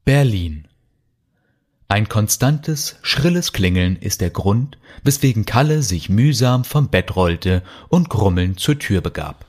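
A man narrating a scripted audio story with lively storytelling. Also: on the low side, slow.

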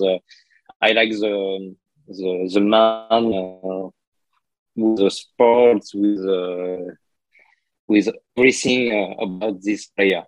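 A low-pitched man with a French accent, a native French speaker, talks casually in a close, dry recording. He goes slowly and haltingly, translating in his head and hunting for each English word. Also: dry recording, low-quality recording. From France. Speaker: podcast guest and card collector. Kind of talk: casual interview storytelling.

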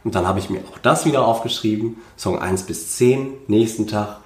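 Man host with a lowish voice, patient explaining manner, in a roomy space. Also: normal speed. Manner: explaining, advice-giving. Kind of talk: casual podcast chat, advice. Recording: roomy sound.

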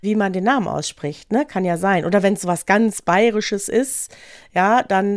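A woman co-hosting a chat podcast, lively and chatty, laughing often and adding tag questions. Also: mid-range voice, a little slow, no room sound, clean studio sound. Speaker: podcast co-host. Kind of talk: casual chat.

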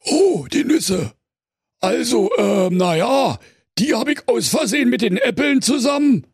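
A man's voice: very high voice, animated, measured pace, creaky, husky, no echo, studio quality, pitched above the performer's own voice, exaggerated voice. A man voicing a bumbling male bear who blusters and stammers. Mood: sheepish. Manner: sheepish, flustered, blustering. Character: big bumbling male bear posing as Ruprecht.

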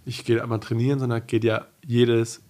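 A man's voice: mid-range voice, level tone, normal speed, a little mellow. A young man, a pro racer as a guest, chatting casually with many restarts, fillers and emphatic bursts. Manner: rambling, frequent restarts and fillers. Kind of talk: casual podcast chat.

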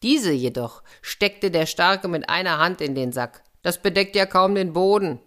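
A woman storyteller reading a children's fairy tale in a lively, expressive way. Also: on the low side, measured pace.

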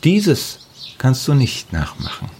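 A man's voice: mid-range voice, wildly swooping pitch, slow pace, darkish tone, a little hiss or hum. A middle-aged man with a German accent, speaking casually and emphatically in an interview about the house he builds, often repeating words for stress. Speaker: artist building his house.

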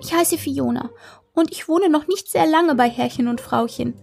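A woman's voice: high voice, moderate pace, creaky, a little mellow, soft background music, pitched above the performer's own voice. A woman voicing a young female golden retriever puppy who sniffles and talks plaintively in a children's storybook. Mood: tearful.

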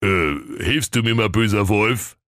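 A man's voice: fairly low pitch, a bit bright, no echo, studio quality. A man voicing a dim, clumsy bear who stumbles over his words, in a comic storybook reading. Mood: bumbling. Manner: slow, bumbling, hesitant with many ums.

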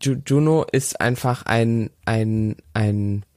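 A man's voice: lowish voice, slow pace, darkish tone, no room sound, clean studio sound. Rambling man on a remote call. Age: late 20s. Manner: rambling, many fillers and restarts. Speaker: podcast co-host. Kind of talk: casual chat. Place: holiday house. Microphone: remote call with a shaky connection.

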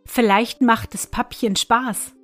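A woman's voice: fairly high pitch, fairly even intonation, takes it slowly, a bit bright, no echo, soft background music. A woman doing a cooing, childish housewife. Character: plump smiling housewife, a bit childish. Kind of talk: storybook reading.

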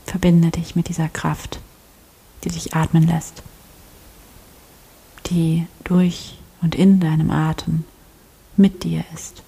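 A woman leading a guided prayer meditation, speaking softly and often in a half-whisper with calm instructions. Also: sits low, takes it slowly, gravelly, long pauses, breathy edge, poor audio. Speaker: prayer leader.

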